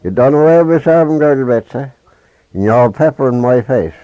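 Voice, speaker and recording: A man voicing a vengeful old witch woman in a folk tale, in halting dialect speech, on a dull lo-fi recording. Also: medium pitch, expressive, no room sound, voice pushed up, natural voice. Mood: accusing.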